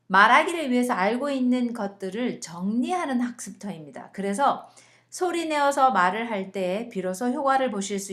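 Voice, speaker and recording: A young woman with a somewhat high voice narrates a scripted English lesson. She speaks clearly and deliberately, slowing down and drawing out example words as she coaches how each sound is made. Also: fairly bright tone. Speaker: English teacher.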